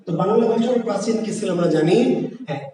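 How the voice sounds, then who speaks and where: A man's voice: high-pitched, fast, mellow. A man from Bangladesh, teaching an exam-prep lesson, asking rhetorical questions and repeating key words. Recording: echoey room, voice from far off.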